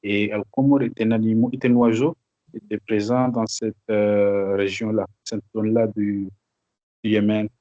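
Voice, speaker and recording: A man's voice: fairly low pitch, flat delivery, normal speed, no room sound, lo-fi sound. A male student answering a question in an online class, hesitant and restarting as he explains.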